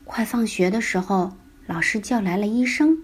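A woman storyteller narrating a bedtime story, gently addressing small children. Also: mid-range voice, normal speed, breathy edge.

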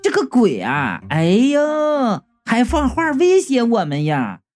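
A man's voice: very high-pitched, wildly swooping pitch, slow pace, voice pushed up, heavily acted. A man voicing a group of indignant, gossipy middle-aged aunties at a matchmaking agency. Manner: complaining, gossipy.

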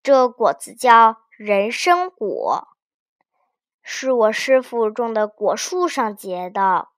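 Storybook boy servant, boastful and chatty, voiced by a woman narrator, slow and dry. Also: on the high side, fairly bright tone, dry recording.

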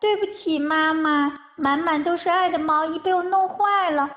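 A woman's voice: very high voice, normal speed, pitched above the performer's own voice. A woman voicing a kind, brave little male animal child in a storybook, childlike and tearful, on a tinny phone-like recording.

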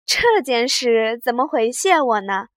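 A woman voicing a clever, sharp-tongued young maidservant in a read-aloud classic novel, talking in a teasing, sly way. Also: fairly high pitch, lively intonation, a little slow, no room sound.

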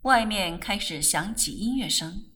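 Slow, breathy woman reading a novel. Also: medium pitch, lively intonation, fairly bright tone. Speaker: audiobook reader. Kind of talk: scripted narration.

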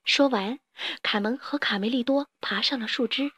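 A woman storyteller reading a children's story aloud with lively expression. Her voice sits high, and the recording is close and dry with no room sound. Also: moderate pace, breathy edge, no echo.

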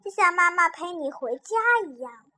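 A woman reading a children's story aloud in a lively, expressive way. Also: extremely high pitch, moderate pace.

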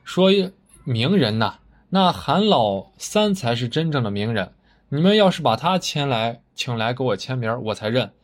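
A man voicing a stubborn, blunt old village farmer who speaks in a gruff, indignant and scornful way. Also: mid-range voice, sing-song, normal speed, natural voice.

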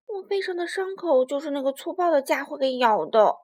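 A woman voicing a kind male sea reptile in a storybook tale, speaking softly and caringly. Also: lively intonation, brisk. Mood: sad. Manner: soft and caring, high-pitched.

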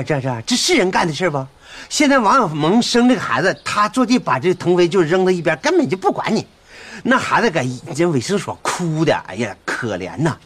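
An indignant Northeastern villager, stammering and husky, his voice high and rising and falling sharply. He sounds scandalized and keeps sputtering. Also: a bit bright, heavily acted. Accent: Northeastern Mandarin. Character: agitated, righteous village man.

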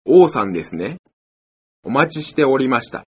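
A man's voice: mid-range voice, sing-song, moderate pace, husky. A man playing a courteous hotel receptionist in a scripted language lesson, speaking very formal, ultra-polite honorific Japanese. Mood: courteous, attentive. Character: courteous male hotel receptionist serving a guest. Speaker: hotel front desk clerk in a textbook dialogue.

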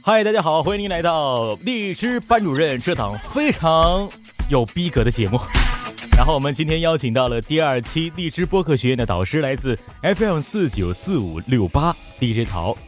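A man's voice: on the high side, expressive, moderate pace, over music. A man with a Northeastern Chinese accent hosting a casual comedy podcast, bantering in colloquial speech. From Tieling, northeastern China. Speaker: podcast host. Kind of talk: casual comedic interview chat.

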